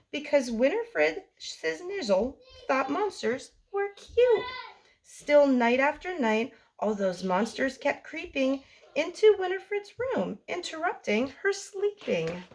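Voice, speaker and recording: A storytime host reads a picture book aloud to young children, her high voice moving slowly in an expressive, sing-song delivery.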